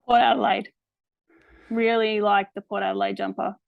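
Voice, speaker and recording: A woman's voice: mid-range voice, little pitch movement, normal speed, vocal fry, no room sound, phone-quality sound. A middle-aged woman in casual sports chat as a podcast co-host. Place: room at home, on a video call.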